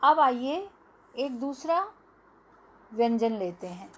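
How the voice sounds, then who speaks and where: A woman's voice: on the high side, expressive, slow pace, fairly bright tone, slight background noise. A woman teacher giving a language lesson to young children, stretching out each syllable.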